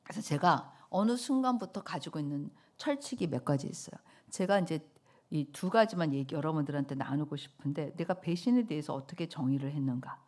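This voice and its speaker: A middle-aged woman pastor giving a sermon in church, telling stories with loud outbursts and soft whispers. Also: sits low, fairly quick. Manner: animated storytelling, swings between loud outbursts and soft whispers.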